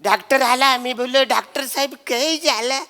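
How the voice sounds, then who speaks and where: A man performing sketch comedy, loud and mocking, telling a story with big swings in his voice. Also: very high voice, moderate pace. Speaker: stage comedian playing a father-in-law official.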